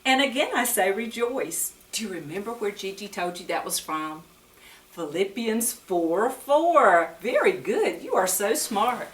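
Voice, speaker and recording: A woman who tells stories and teaches the Bible reads and talks to young children in a sing-song style, asking them questions as she goes. Her medium-pitched voice swings widely and moves a little slowly. A distant mic picks her up with roomy echo.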